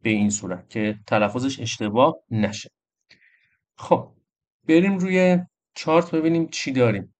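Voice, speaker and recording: A man hosting a trading channel, walking viewers through an indicator in a casual, chatty screen-recorded tutorial. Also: medium pitch. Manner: casual, addresses viewers as friends.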